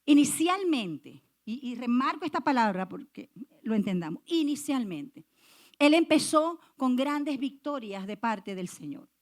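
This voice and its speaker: Female pastor, emphatic sermon delivery, higher voice, repeats and stresses phrases, addresses the congregation. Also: lively intonation, normal speed. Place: church.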